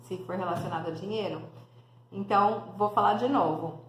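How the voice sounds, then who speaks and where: A woman with a Brazilian accent, Portuguese her first language, teaching English numbers in a casual online lesson, slow and deliberate, repeating each one. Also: medium pitch, reverberant, low-quality recording.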